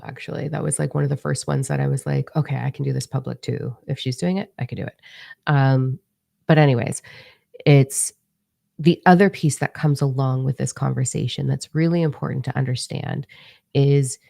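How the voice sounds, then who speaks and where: A spiritual channeler whose first language is Italian gives a casual, rambling monologue to camera, full of ums and self-corrections. Her voice is low, gravelly, dark and mellow, captured in a close, dry recording with no room sound or echo.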